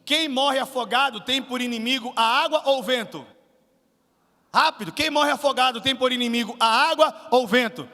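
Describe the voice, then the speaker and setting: A man from Salvador preaching a sermon as guest pastor, questioning the congregation and rising to shouted peaks. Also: very high-pitched, normal speed. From Salvador, Brazil. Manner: asks the congregation questions, builds to shouted climaxes. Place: church hall. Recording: long hall reverb with faint music.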